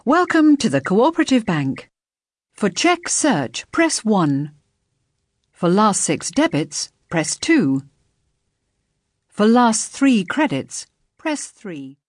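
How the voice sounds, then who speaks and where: A British woman voice-over artist speaking as a phone menu and on-hold voice, measured and polished. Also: medium pitch, big pitch swings, no room sound, studio quality. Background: music.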